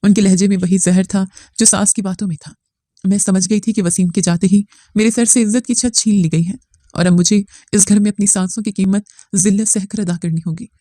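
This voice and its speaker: Warm-voiced woman narrating a story. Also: medium pitch, steady tone, fairly quick, dry recording, studio quality. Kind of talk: scripted first-person story narration.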